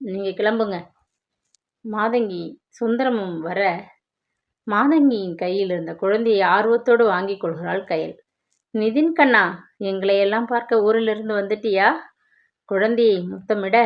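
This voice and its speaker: A woman reads a romance novel aloud and gives each character's lines in her own voice between stretches of narration. Her voice sits at a middle pitch, and the recording sounds dull and lo-fi. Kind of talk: audio novel reading with character dialogue.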